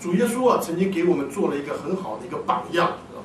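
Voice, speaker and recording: Casting note: male preacher with a high voice, animated sermon delivery, distant mic in a reverberant hall. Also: fast, slight background noise. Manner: animated, often asks the congregation questions and answers them himself.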